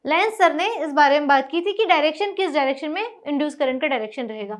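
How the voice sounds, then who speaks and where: A woman teaching a school science lesson, explaining step by step and often asking whether it is clear. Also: high voice, animated, fast. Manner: explains step by step, asks checking questions. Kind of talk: classroom lecture on a whiteboard.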